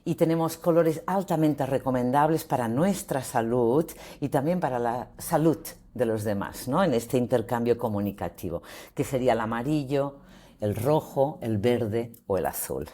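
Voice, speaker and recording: A woman, a voice coach explaining ideas in an interview, expressive and acting out example phrases. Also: very deep voice, moderate pace.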